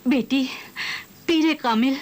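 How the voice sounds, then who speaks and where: A worried gentle queen mother. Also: high-pitched, slow. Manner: anxious, comforting.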